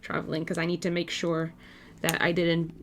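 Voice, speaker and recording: A woman's voice: fairly low pitch, completely flat delivery, normal speed, slight background noise. A woman in her twenties, from Portugal, chatting casually with viewers on a live stream while she draws, laughing easily as she answers messages. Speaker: art streamer.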